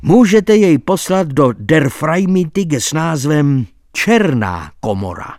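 A man reading an audiobook voices a lively male court clerk who relishes telling a scandalous tale. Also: on the high side, dry recording, clean studio sound, voice pushed up.

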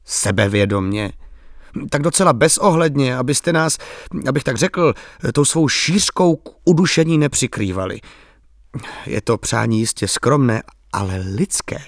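A man's voice: mid-range voice, animated, no echo, clean studio sound, natural voice. A man voicing a bitter, ironic, middle-aged village intellectual who speaks politely but with an edge. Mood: wry.

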